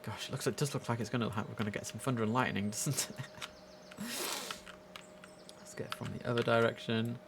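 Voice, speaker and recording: A young man with a medium-pitched, steady voice talks fairly quickly but pauses often, casually and eagerly narrating a live game stream from his computer at home. Background noise can be heard.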